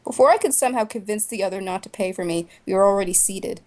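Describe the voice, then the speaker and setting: A woman narrates a first-person story for a voice drama. She reads in a plain, even way, at a middle pitch for a woman. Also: fast. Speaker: narrator and main voice actor.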